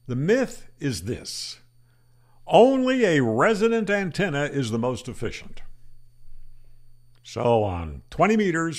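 Speaking into a boom-arm studio mic in a small room, an older ham radio educator from Florida takes on antenna myths for the camera. His tone is plain and debunking, and he keeps asking himself rhetorical questions.

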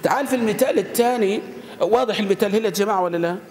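A man teaching grammar to a class, speaking, repeating and stretching out word forms slowly and quizzing his students. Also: high voice, a little mellow. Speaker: sheikh teaching Arabic grammar. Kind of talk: classroom grammar lesson with student call-and-response. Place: lecture hall with students. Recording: echoey hall with faint ambient noise.

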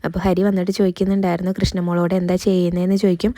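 A woman reviewer retells a serial's plot in a casual, chatty way, reading each character's lines in her own voice. Her tone is very dark and mellow, and her pitch stays flat. The recording is close and dry, with no room sound. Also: racing, no room sound.

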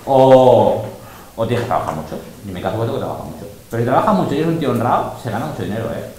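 A middle-aged man who works as a DJ and teacher addresses students in a big school room, speaking casually, boastfully and with emphasis while acting out quotes. His medium-pitched, slightly mellow voice races along with lively intonation, and the recording carries heavy echo and faint noise.

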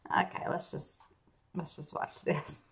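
A middle-aged woman with a Southern American accent, chatting casually and joking as she hosts a reaction video. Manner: chatty and joking, with frequent laughs. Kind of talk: casual chat.

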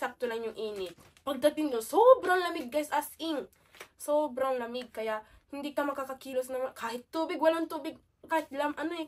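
A woman's voice: high voice, recorded from a distance. A woman vlogger chatting casually to her viewers while sick with a cold and cough, often calling out to them. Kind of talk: casual chat to camera.

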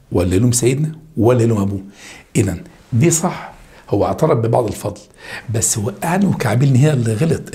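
A man with an Egyptian accent teaching an exam-review lesson, asking questions and answering them himself. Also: mid-range voice. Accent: Egyptian Arabic. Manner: animated, asks and answers his own questions. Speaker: Arabic teacher.

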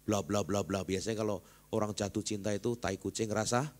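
Seorang pendeta pria berkhotbah dengan semangat, suaranya naik keras saat menekankan poin dan turun lebih rendah saat menirukan orang lain. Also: male voice, fairly quick. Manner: lively preaching with loud rises, acts out quoted voices in a lower tone. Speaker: pastor. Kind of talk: sermon. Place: church service.

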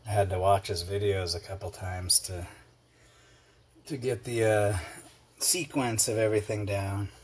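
A middle-aged man with a fairly low, level voice hosts a how-to video from his cluttered home workshop garage, speaking a little slowly and pausing often. Rambling and chatty, full of fillers, he narrates casually while his hands work on a repair, with a slight hiss or hum in the audio.

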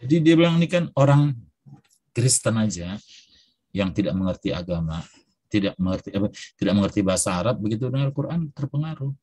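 A man's voice: on the low side, sing-song, fast talker, long pauses, warm tone, husky, no room sound. A man telling a story while teaching an Arabic class, acting out the dialogue.

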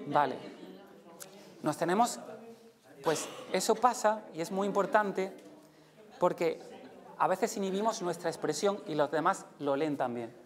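A man with a Spain Spanish accent giving a live lecture to an audience, lively and demonstrative, jumping his voice up and down to show emotions. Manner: lively, demonstrates voices with big pitch jumps. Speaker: conference speaker. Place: lecture room.

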